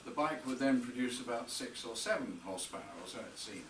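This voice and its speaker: A man's voice: medium pitch, lively intonation, a little fast, a bit bright. An older man telling dry, humorous anecdotes in a tribute speech at a birthday reception. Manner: dry humour, storytelling pace. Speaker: speaker giving a birthday tribute. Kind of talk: after-dinner speech with anecdotes. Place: hotel reception room. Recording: roomy, distant, noisy function room.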